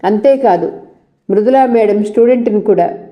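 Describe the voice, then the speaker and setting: A woman's voice: mid-range voice, normal speed, highs cut off, close to an everyday voice. A woman voicing a surly, insolent rich young man in a storybook reading, speaking in curt lines.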